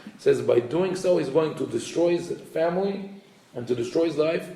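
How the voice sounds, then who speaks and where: A man's voice: fairly high pitch, warm tone. A man, a rabbi, giving an informal Torah lesson, talking conversationally with many restarts and quoting Hebrew texts before translating them. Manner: conversational, restarts often, reads Hebrew quotes quickly then translates. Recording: echoey room.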